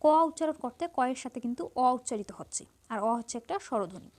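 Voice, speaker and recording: A woman's voice: a little high, lively intonation, quick pace. A woman teacher with a Bangladeshi Bengali accent, steadily reading out numbered quiz questions and explaining each answer. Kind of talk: exam-prep lesson, reading quiz answers.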